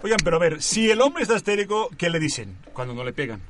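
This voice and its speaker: A man hosting a casual group chat, teasing the others and firing off quick questions. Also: on the high side, big pitch swings, a bit bright. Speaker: host.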